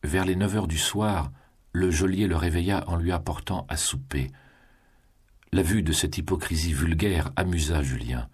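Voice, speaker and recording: A man narrating a classic novel in a calm, measured reading voice. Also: low voice, breathy edge. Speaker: audiobook narrator.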